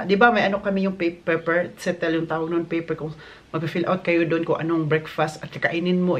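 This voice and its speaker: A man's voice: sits high, muffled recording. A man from the Philippines who works in a hotel, chatting casually to his phone camera and acting out what guests said. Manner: chatty, mixes English into Tagalog, acts out quotes. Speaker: hotel worker vlogger. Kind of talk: casual vlog chat. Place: hotel, indoors.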